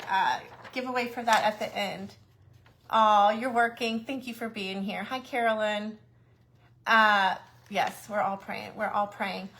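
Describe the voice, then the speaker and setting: A woman's voice: on the high side, fairly bright tone, slight background noise. A woman hosting a casual craft livestream, chatty and a little nervous, greeting viewers by name.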